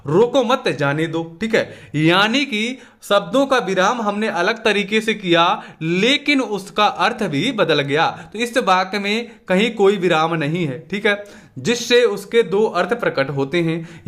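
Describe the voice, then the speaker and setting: Male exam tutor, high bright voice, Hindi accent, conversational question-and-answer delivery. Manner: conversational, repeatedly asks and answers own questions. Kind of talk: exam revision lesson.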